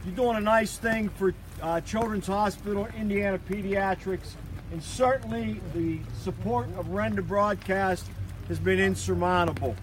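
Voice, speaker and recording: A man's voice: sits high, moderate pace. A man informally announcing an outdoor event in a joking, folksy way. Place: outdoors by a river at a charity event. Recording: noisy outdoor live stream.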